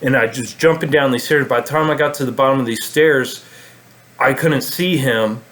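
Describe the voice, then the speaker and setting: A man's voice: mid-range voice, normal speed, a bit bright. Rambling man telling a story. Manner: rambling, many fillers and restarts. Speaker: vlogger. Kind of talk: casual storytelling monologue.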